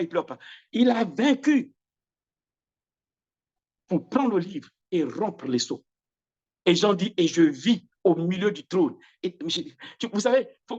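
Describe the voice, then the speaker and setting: A male preacher delivering a sermon with fervor, lifting his voice high and loud for emphasis and then dropping it low. He circles back over the same phrases and trips into quick restarts as he drives a point home. The sound is slightly dull, like a church broadcast. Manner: impassioned preaching with big swings in pitch and loudness; repeats phrases and restarts words.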